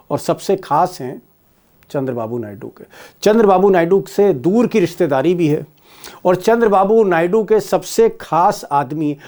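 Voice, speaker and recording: Male political commentator, fairly high voice, emphatic, rhetorical, repeats his points for stress. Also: darkish tone. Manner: emphatic, rhetorical questions, repeats key phrases.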